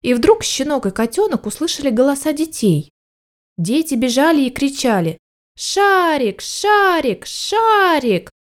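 A woman reading a children's story aloud as storyteller, gentle and expressive. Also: high-pitched, moderate pace.

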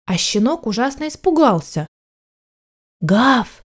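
A woman reading a children's story aloud as storyteller, gentle and expressive. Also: on the high side, moderate pace.

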